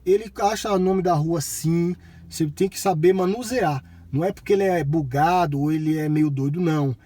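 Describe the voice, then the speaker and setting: A man's voice: on the high side, normal speed, mellow. A man from Bahia with a Brazilian accent, giving a casual, colloquial tutorial and often checking in with viewers. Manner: colloquial, repeats himself, addresses viewers with check-in tags. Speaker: tutorial presenter.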